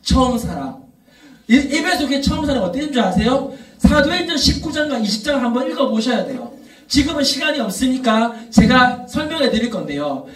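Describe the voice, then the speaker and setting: A youth pastor in his thirties gives an animated sermon. His voice sits very high for a man. He sounds a little far from the mic in a roomy, echoing church hall. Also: fairly quick. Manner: storytelling, rising to emphatic repeated questions. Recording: echoey room, voice from off mic.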